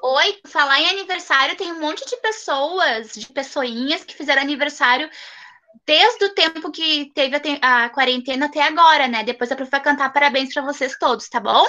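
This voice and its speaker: A primary school teacher from southern Brazil teaches young children over a video call, and the audio is dull. Her voice is high-pitched, bright and forceful at a normal pace, and she's affectionate and coaxing, stretching out her syllables.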